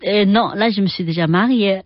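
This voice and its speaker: A middle-aged woman from China, with a Chinese accent, speaking as an interview guest who often pauses and searches for words. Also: medium pitch, no room sound, dull audio. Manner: halting, searching for words with many fillers. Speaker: guest, Qigong and Tai Chi teacher. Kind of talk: radio interview.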